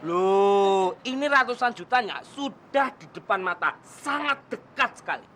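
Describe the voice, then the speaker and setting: An actor playing a flirtatious, boastful driver, who talks slowly and coaxingly in a sitcom. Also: male voice, high-pitched, expressive, pushed and bright, a little hiss or hum, full character voice. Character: smooth-talking scheming driver, flirty and boastful. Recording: music playing behind.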